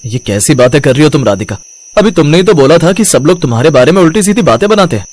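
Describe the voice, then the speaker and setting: A man doing a lively easygoing cartoon husband. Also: on the high side, quick pace. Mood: casual. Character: husbands and father-in-law, easygoing.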